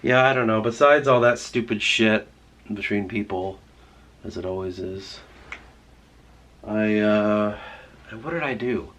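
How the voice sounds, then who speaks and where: A man's voice: lowish voice, unhurried, pauses often, a bit bright. A man with a stuffy nose and sore throat, rambling and swearing casually in a vlog. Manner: rambling, heavy swearing, many "like"s. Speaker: writer vlogging.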